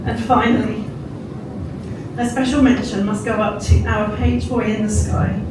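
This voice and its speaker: A groom in his forties delivers a sentimental thank-you toast at an indoor wedding reception, his high voice fairly flat in pitch and a bit slow. He was recorded from far away in a noisy room with lots of echo.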